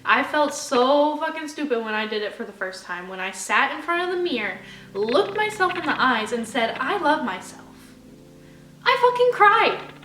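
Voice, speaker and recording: A woman's voice: a little high, lively intonation, moderate pace, background noise. A woman in her twenties talking earnestly to camera, encouraging viewers and swearing casually in unedited vlog talk. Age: 20s. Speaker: vlogger. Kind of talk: unscripted heartfelt talk to camera. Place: home room with her dogs. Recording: echoey room, distant mic, loud music behind.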